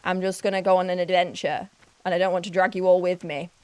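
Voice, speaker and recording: Here the young woman from Yorkshire speaks quickly at a fairly low pitch, her tone level, a little mellow, clear and resonant, in a dry recording. She chats and reasons aloud over an online game in a Yorkshire accent tinged with Newcastle, restarting often and putting herself down.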